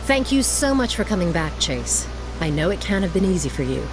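A woman's voice: fairly low pitch, sing-song, brisk, poor audio. A woman playing a businesslike city mayor in a video game, earnest, direct and commanding. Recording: music behind the voice.

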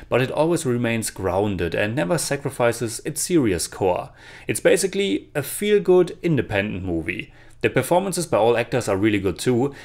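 Young man reviewing films. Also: medium pitch. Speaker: film reviewer. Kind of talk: scripted video review. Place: small indoor room with shelves of film posters. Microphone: camera framed chest-up, mic not seen.

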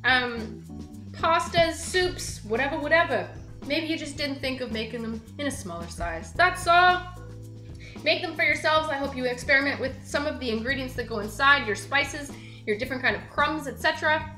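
A young woman hosting a home cooking show, talking casually and brightly straight to the viewer while she works in her kitchen. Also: high voice, expressive, normal speed. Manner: chatty, upbeat, talks straight to the viewer. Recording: roomy kitchen with music behind.

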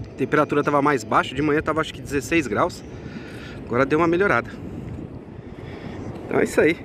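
Walking a market and then a beach, this Brazilian man vlogs on a handheld phone, his high voice set against outdoor background noise. He's chatty and keeps greeting his viewers as friends.

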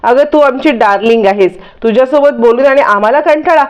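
A woman's voice: sits high, a little fast, a little mellow, dull audio, lightly acted. A woman doing a coaxing, affectionate young man. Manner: coaxing, fond.

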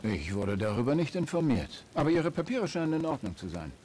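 An actor playing a middle-aged German army colonel who speaks in a formal, clipped way. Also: male voice, medium pitch, very animated, brisk, a little mellow, slight background noise, close to an everyday voice. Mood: stern. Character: middle-aged stern male German officer.

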